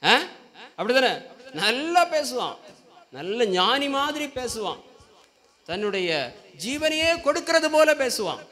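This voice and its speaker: High-voiced, slow-preaching pastor. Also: male voice, very animated, pushed and bright. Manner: preaching with call-and-response questions to the congregation. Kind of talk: Sunday sermon. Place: church.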